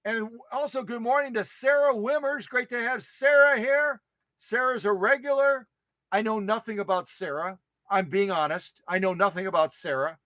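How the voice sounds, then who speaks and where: A high, bright male voice that swings widely in pitch as he chats on a casual livestream. He greets viewers and reads their comments aloud in a playful, animated way, often repeating a phrase. The sound is dry and close, with no room echo. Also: normal speed. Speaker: host of a sewing machine restoration channel.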